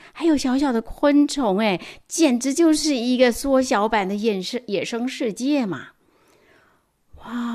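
A woman reads a children's picture book aloud. Her voice is animated and rises and falls a lot, with playful sound words and soft, hushed asides. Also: on the high side. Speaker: storyteller. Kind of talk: storybook read-aloud for children.

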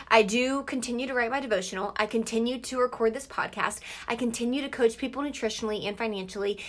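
A young woman with a fairly high voice talks as a podcast host and coach. Her delivery is informal and emphatic, with repeated phrases to press each point. It is a casual motivational talk recorded alone in a closet. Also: a bit bright.

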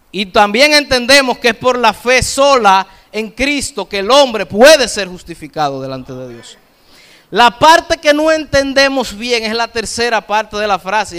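A middle-aged male pastor preaching a sermon, slowing down to stress key phrases. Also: sits high, bright, forceful tone, clear, resonant tone.

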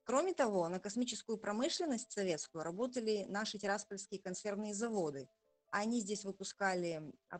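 A woman in her forties from Transnistria, a journalist speaking in an interview in a proud, thoughtful way with hesitant pauses. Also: mid-range voice, darkish tone, no echo. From Transnistria, Moldova. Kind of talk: conversational interview.

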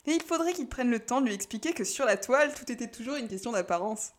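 A woman narrating a novel in a calm, measured reading voice. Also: fairly high pitch. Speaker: audiobook narrator. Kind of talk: scripted narration.

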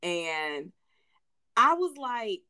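A woman co-hosting a casual chat, animated and laughing, acting out quoted voices. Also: mid-range voice, drawn-out words.

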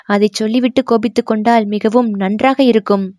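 A woman's voice: a little high, fairly even intonation, fairly quick, darkish tone, no room sound, studio quality, lightly acted. A woman narrator voicing a proud young prince who grows hurt and angry, in audiobook storytelling. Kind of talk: audiobook narration of a historical novel.

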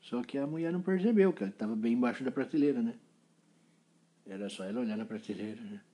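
A man telling an improvised children's story in a playful, animated way. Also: mid-range voice, fast talker.

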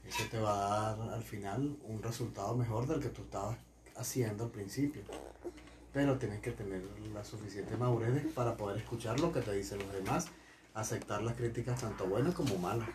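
A man giving his opinions conversationally as a guest, haltingly, repeating words as he reasons. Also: fairly low pitch, noisy background. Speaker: family guest.

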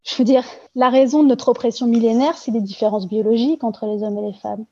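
A woman's voice: fairly high pitch, steady tone, quick pace, mellow, no echo, lo-fi sound. A woman testifying anonymously in an interview, talking earnestly with frequent hesitations and fillers. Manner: hesitant, many fillers and restarts.

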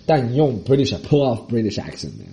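Animated male comedian, mellow voice. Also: mid-range voice, brisk, vocal fry, a little hiss or hum. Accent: Mandarin Chinese. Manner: animated, mixes English phrases, mocking voices. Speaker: comedian podcast host. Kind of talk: casual comedic monologue.

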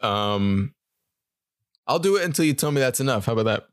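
A man's voice: medium pitch, lively intonation, brisk, no echo, clean studio sound. A man on a podcast chatting casually, rambling a little and laughing easily. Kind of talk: casual chat.

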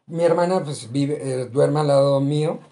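A man's voice: on the high side, normal speed, warm tone. A young man with a Mexican accent, joking and teasing his friends in a casual podcast chat. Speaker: podcast co-host.

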